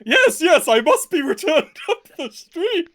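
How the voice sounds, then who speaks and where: A woman's voice: high-pitched, big pitch swings, unhurried, voice pushed up. A woman voicing a hapless, forgetful koi fish in a tabletop game, exclaiming and wailing melodramatically. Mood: dazed. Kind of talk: tabletop role-play.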